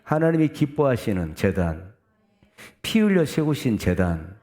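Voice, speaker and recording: A middle-aged male pastor preaching a sermon, reading scripture aloud with the congregation and breaking into sudden loud outbursts. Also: mid-range voice, big pitch swings, unhurried.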